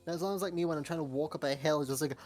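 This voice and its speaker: A woman's voice: low voice, quick pace, loud music behind the voice. A woman in casual podcast chat, teasing and crude, often laughing.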